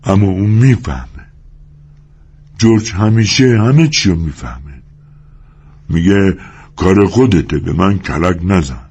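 A big, simple-minded man in a storybook reading, voiced by a man, slow, plaintive and childlike. The voice sits very low and husky. The sound is slightly dull and lo-fi. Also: expressive, a little mellow. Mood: grieving.

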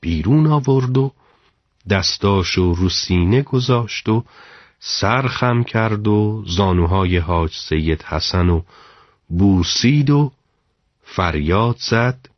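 A man narrating a story in a measured, dramatic storytelling delivery. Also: fairly low pitch, expressive, dry recording, muffled recording.

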